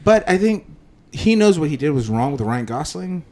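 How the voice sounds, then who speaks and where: A man's voice: a little high, very animated, moderate pace, dark tone. A young man co-hosting a casual podcast, rambling about a film with lots of swearing and restarts. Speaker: podcast co-host. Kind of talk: casual film chat among friends.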